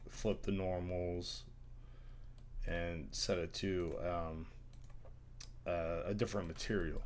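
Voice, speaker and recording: A young man with a very low, congested voice, his throat strained from a recent illness, walks through a screen-recorded software tutorial. He often hesitates with filler sounds while working, and keyboard typing plus slight background noise can be heard.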